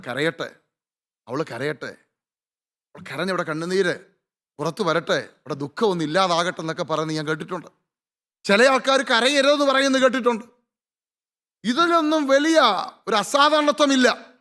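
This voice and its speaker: A man preaching a sermon as a pastor, dramatic, with slow drawn-out emphasis and frequent interjections of praise. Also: high voice, sharp tone.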